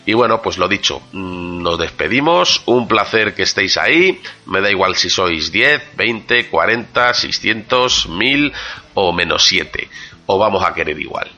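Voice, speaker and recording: A man's voice: low-pitched, lively intonation, a little slow, pushed and bright, dull audio, soft background music. A man with an accent from Spain, hosting a podcast and chatting casually to listeners. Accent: Spanish from Spain. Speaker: podcast host.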